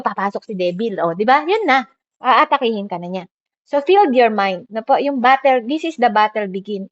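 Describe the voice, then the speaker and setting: A woman preacher with a fairly high voice delivers a lively, chatty sermon and keeps checking in with the congregation. The recording sounds dull and lo-fi. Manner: lively, peppers talk with tag questions. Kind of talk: conversational sermon.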